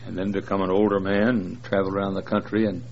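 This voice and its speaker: A visiting preacher in his sixties jokes folksily with a large congregation in a big church, leaning on many fillers. His low voice is fast and flat, with vocal fry and a darkish tone, captured in a dull lo-fi recording with faint noise.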